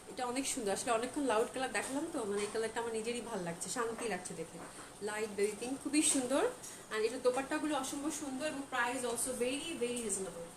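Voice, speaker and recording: A woman selling clothes on a live stream, chatting and gushing over each dress while slipping in English phrases. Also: a little high. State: feeling hot. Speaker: online clothing seller. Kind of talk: live-stream product showcase. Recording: echoey room with loud background noise.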